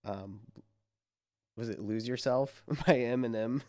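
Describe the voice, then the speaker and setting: A man's voice: mid-range voice, slow, warm tone. A tired young man co-hosting a casual podcast, rambling loosely with laughs and swearing, his voice a little strained. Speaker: podcast co-host. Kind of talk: casual chat.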